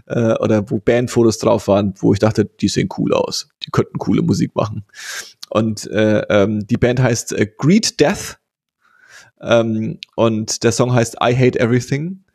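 A man's voice: lowish voice, normal speed, creaky, darkish tone, no room sound, studio quality. A man co-hosting a podcast, chatting casually and rambling with many fillers and restarts. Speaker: podcast co-host.

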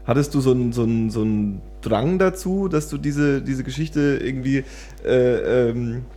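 A man's voice: medium pitch, normal speed, dark tone, faint music behind. A man interviewing a guest in a casual chat, often stumbling over and repeating his words.

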